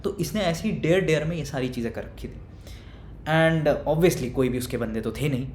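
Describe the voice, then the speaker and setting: A young man casually telling a storytime, animated and acting out his friends' lines, then dropping to low mutters. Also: normal speed. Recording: echoey room with faint rumble.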